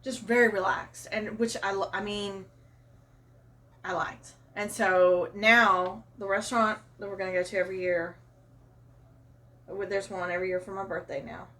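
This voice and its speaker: A woman's voice: medium pitch, moderate pace. Woman, Southern accent, from Arkansas, casual storytelling, chatty, a bit far from mic. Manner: chatty, animated retelling.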